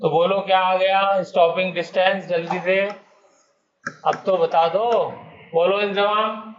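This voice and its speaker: A man's voice: high-pitched, steady tone, takes it slowly, a little hiss or hum. A male teacher giving a classroom physics lesson, working through problems step by step and coaxing answers from his students. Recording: dull, echoey classroom recording.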